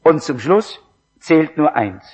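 A man preaching a sermon, slow and emphatic, his voice rising in exclamations. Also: a little high, big pitch swings, a little mellow, slightly rough. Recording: dull lo-fi recording.

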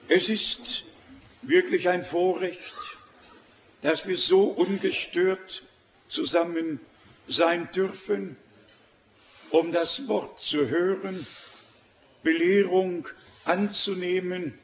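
A man preaching a sermon, reading scripture in a slow, measured, emphatic way. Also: a little high, highs cut off.

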